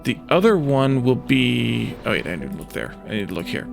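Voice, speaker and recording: Over music, a man hosting a let's play mutters through his game decisions in short, hesitant phrases, thinking aloud as he plays. His medium-pitched, gravelly voice is brisk, with big pitch swings.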